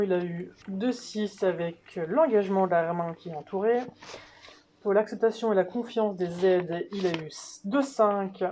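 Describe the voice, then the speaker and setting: A woman's voice: medium pitch, dark tone, a little hiss or hum. A woman rider giving a voice-over on a dressage test, methodically listing scores, casual with fillers. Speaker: horse rider vlogger.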